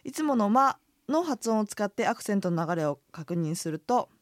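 A woman co-hosting a radio language lesson, demonstrating pronunciation and tones in a lively way. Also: medium pitch, moderate pace, dry recording, studio quality.

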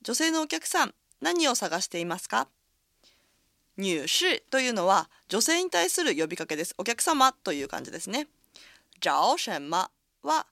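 A woman's voice: medium pitch, bright, forceful tone, dry recording, studio quality. A woman teaching Chinese pronunciation on a radio lesson, explaining each phrase step by step.

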